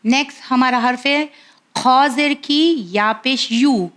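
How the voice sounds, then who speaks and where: Woman, high voice, patient children's teacher, slow careful spelling of syllables. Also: fairly bright tone. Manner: patient, spells out each syllable slowly and repeats it. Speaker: Quran recitation teacher.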